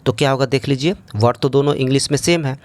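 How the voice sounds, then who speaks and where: A man's voice: mid-range voice, fast, a little mellow, dry recording. Man teaching grammar with rhetorical questions. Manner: explains step by step, asks rhetorical questions. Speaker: English teacher. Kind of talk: classroom grammar lesson.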